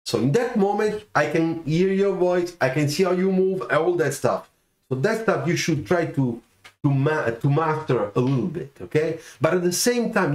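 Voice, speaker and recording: Guy, middle-aged, streaming advice from his home studio, keeps saying okay, bit high voice. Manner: animated, gestures a lot, keeps asking "okay?". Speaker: car designer giving career advice. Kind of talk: livestreamed talk to viewers. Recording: roomy echoey room sound.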